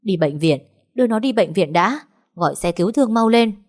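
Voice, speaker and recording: A woman voicing a frantic middle-aged mother who shouts in a hurry. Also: mid-range voice, animated, lightly acted. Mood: urgent. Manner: hurried, shouting.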